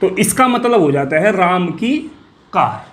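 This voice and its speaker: A man's voice: high voice, big pitch swings, unhurried, fairly bright tone. A man teaching an English grammar lesson. He asks questions, answers them himself, repeats key words, and drops his voice on the answers. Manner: repetitive, quizzing students with questions he answers himself. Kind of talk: classroom grammar lecture.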